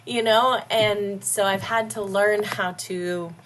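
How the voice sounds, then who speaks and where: A woman's voice: mid-range voice, fairly even intonation, slow pace, fairly bright tone, slight background noise. A woman in a casual interview, blunt and joking, laughing often as she talks about running her own business. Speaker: podcast guest, business owner.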